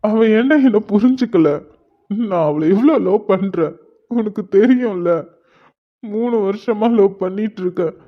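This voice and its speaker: மனம் உடைந்த, அழுதுகொண்டே மெதுவாகக் கெஞ்சிப் பேசும் இளைஞனாக நடிக்கும் ஒருவர்; கார்ட்டூன் நாடகக் குரல். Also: male voice, high voice. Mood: heartbroken. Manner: tearful, pleading, slow broken speech. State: crying. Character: heartbroken young man, lovesick, weeping. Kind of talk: cartoon drama voice acting. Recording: dull lo-fi sound.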